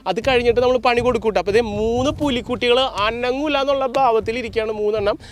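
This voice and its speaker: A man's voice: very high-pitched, fairly even intonation, fast talker, slight background noise. A man hosting a challenge video, playful and teasing, hyping the contestants with sung sound effects. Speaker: host running an ice sofa challenge.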